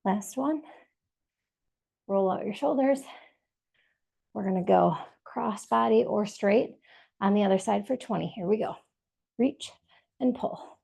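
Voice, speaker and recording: A woman's voice: medium pitch, unhurried, gravelly, long pauses, warm tone, breathy edge. A woman leading a workout over a video call, giving encouraging step-by-step cues while she exercises. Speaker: fitness instructor. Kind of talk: live workout instruction.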